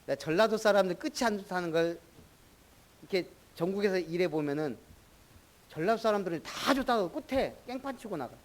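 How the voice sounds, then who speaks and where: A middle-aged pastor from in Korea preaches. His voice sits a little high for a man. He keeps the sermon conversational and calls on congregation members by name. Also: expressive, fairly quick. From Jeolla, Korea.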